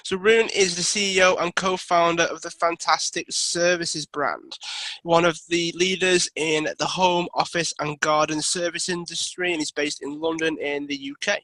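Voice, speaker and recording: A male podcast host with a high, sharply bright voice introduces his guest and asks friendly questions. He trips over words and restarts now and then, and the recording sounds close and dry. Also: steady tone, normal speed, dry recording, poor audio. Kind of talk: casual interview hosting.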